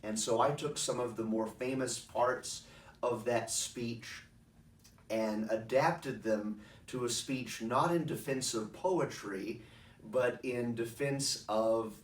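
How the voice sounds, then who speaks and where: A middle-aged man speaks in a roomy, echoing space, set back from the microphone. His medium-pitched voice is articulate and measured. He explains things informally, pausing as he finds the next phrase. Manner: measured, articulate, halting with pauses. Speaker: speaker introducing a recording of his own past oration. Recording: roomy echo, distant microphone.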